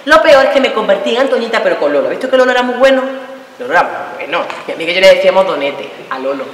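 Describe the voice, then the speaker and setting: A woman performing an earthy, animated live monologue before an audience. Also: mid-range voice, very fast. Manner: lively, earthy, acts out scenes. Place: lecture hall with audience. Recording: echoey hall, distant mic, faint noise.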